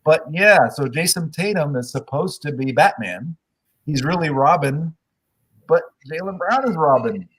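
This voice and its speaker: A man on a sports podcast, talking in an animated, opinionated way. His voice is fairly high and husky. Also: unhurried, rough recording. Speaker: podcast guest. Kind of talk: casual sports talk.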